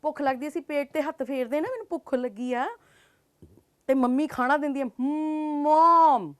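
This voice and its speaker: A woman's voice: sits high, fairly even intonation, darkish tone. A woman with a Punjabi accent teaching children English phonics, explaining sounds and singing short rhymes with them. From Punjab, India. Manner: addresses children directly, sings short rhymes, drawn-out sounds.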